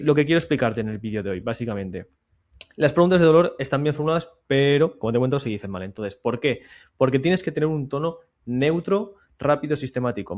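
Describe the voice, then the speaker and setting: Guy coaching closers, mid pitch, talks in bursts then goes quiet and slow to show the tone. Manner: talks in bursts, drops volume and slows to demonstrate soft questions. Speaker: sales team coach. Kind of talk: casual explainer to camera.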